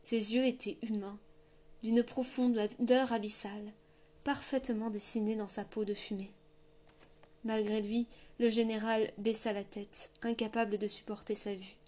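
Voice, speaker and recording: A woman narrating a fantasy novel in a steady, measured storytelling voice. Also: fairly high pitch. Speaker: audiobook narrator. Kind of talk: scripted narration.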